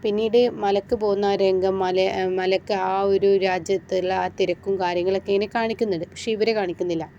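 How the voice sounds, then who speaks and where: A woman's voice: medium pitch, steady tone, fairly quick, warm tone, lo-fi sound, slight background noise. A woman with a Malayali accent retelling a TV serial episode in a casual, chatty storytelling voice, reading every character's lines herself. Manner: chatty, keeps adding a tag word to sentences. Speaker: serial recap narrator.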